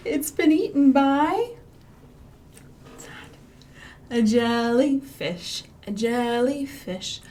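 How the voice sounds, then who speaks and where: A Midwestern American woman, working as a librarian, leads a storytime for young children. She chants rhymes and songs in a sing-song style full of big, excited swoops, and her voice is a little high.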